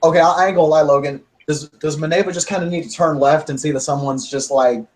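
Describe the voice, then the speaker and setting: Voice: medium pitch, fast talker, darkish tone. Wry, casual game player. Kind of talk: tabletop role-play chat.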